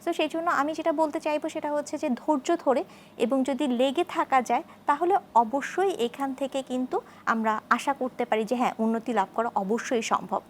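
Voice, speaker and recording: A woman speaking as a speech therapist guest on a studio talk show, explaining in a measured way and repeating key terms. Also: high voice, a little hiss or hum.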